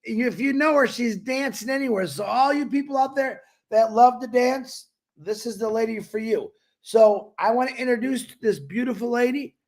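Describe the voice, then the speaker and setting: A man's voice: very high-pitched, normal speed. A man co-hosting a livestream and introducing a guest in casual, effusive talk, chuckling between phrases.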